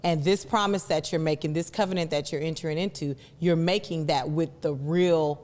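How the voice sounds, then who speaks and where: A woman's voice: low-pitched, fairly even intonation, moderate pace, darkish tone. A woman co-hosting a casual discussion, explaining earnestly and leaning on key words, in an echoing room. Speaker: co-host. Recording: reverberant room with long echo.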